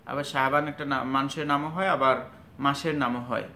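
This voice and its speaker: A man giving a spoken lesson on letter sounds, halting and full of fillers, sounding each letter out slowly and loudly. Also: fairly even intonation. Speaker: Arabic teacher. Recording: echoey room with faint rumble.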